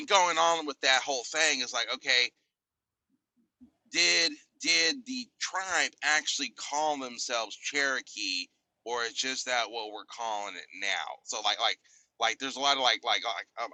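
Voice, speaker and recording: A man's voice: mid-range voice, sharp tone, no echo, rough recording. A man co-hosting a podcast, giving his opinion in casual chat and hesitating with many fillers and restarts. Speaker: podcast co-host. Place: in Oklahoma.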